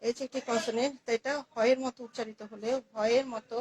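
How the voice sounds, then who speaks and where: A woman's voice: fairly high pitch, steady tone, fast, darkish tone, a little hiss or hum, poor audio. Patient woman teaching grammar. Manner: patient, repeats key words, asks and answers her own questions. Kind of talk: classroom lesson explaining articles.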